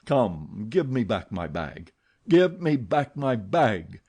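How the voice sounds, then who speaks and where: In an audiobook, a man with a mid-range, mellow, slightly rough voice plays an angry, jealous masked man who snarls commands and mockery. His delivery is very animated but unhurried, and the mood is menacing.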